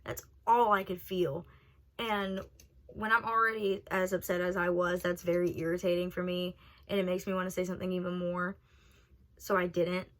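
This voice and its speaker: A young woman on a vlog recounting a personal story in a candid, profane, animated way. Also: on the low side, moderate pace. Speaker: vlogger telling a personal story. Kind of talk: casual storytime monologue.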